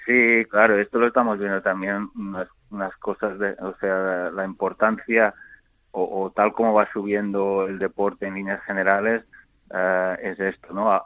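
A middle-aged man, a retired basketball player, answering interview questions by phone in a halting way, repeating words and filling pauses. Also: low voice, no room sound. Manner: halting, repeats words often, many fillers. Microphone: telephone. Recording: tinny phone line.

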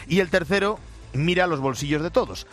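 A man's voice: fairly high pitch, fairly quick, fairly bright tone, faint music behind. A man presenting radio news with an emphatic, punchy delivery and pointed asides. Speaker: news anchor.

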